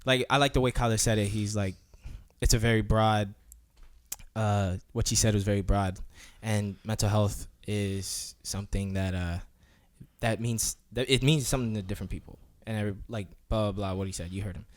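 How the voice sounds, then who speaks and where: A man co-hosting a casual podcast who talks in a loose, animated way, full of restarts and fillers. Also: fairly low pitch, moderate pace. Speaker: podcast co-host.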